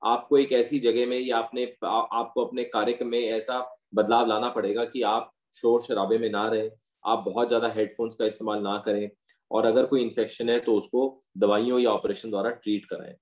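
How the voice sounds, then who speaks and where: A man speaking as an ENT doctor, walking through symptoms and care advice in an explanatory way. His voice sits at a middle pitch and rings in a roomy, echoey space. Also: flat delivery, normal speed, darkish tone. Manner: explanatory, patient advice with medical terms. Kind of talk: medical interview answers. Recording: roomy echo.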